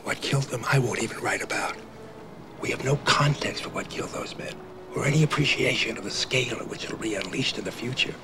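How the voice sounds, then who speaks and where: An actor playing a paranoid older conspiracy writer who talks in a hushed, urgent whisper, heard from a worn VHS tape copy. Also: male voice, mid-range voice, brisk, vocal fry. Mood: conspiratorial. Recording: hissy worn videotape copy.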